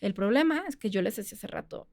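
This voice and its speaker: A woman with a Mexican accent, a criminologist guest on a podcast, explaining things in a chatty way with quick asides. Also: medium pitch, lively intonation, no echo, studio quality. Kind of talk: casual podcast interview.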